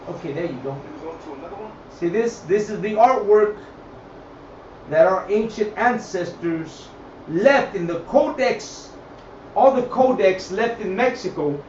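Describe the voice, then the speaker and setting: A religious group's teacher delivers an improvised lesson on scripture and history. His voice sits high with a darkish tone, and he speaks emphatically, repeating phrases and checking in with his listeners. The recording is echoey and dull, with a distant mic and faint noise.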